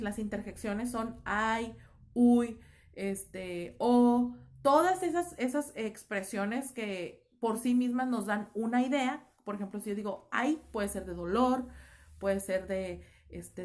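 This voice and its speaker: A woman teacher with a Mexican Spanish accent, explaining a class lesson with many fillers and pauses. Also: fairly high pitch, a little mellow. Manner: explanatory, lots of fillers like "este" and "eh". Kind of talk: online class lecture.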